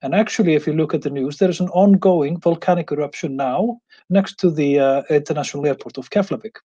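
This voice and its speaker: A man's voice: a little high, fairly quick, warm tone, husky, highs cut off. A man from Iceland, a professor giving an enthusiastic academic presentation over a video call. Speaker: guest professor.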